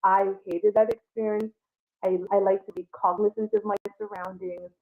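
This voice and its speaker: A woman's voice: mid-range voice, level tone, normal speed. A woman in her thirties, born in Jamaica and raised in Canada, co-hosting a casual livestream chat. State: a bit under the weather. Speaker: co-host. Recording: dull lo-fi stream audio.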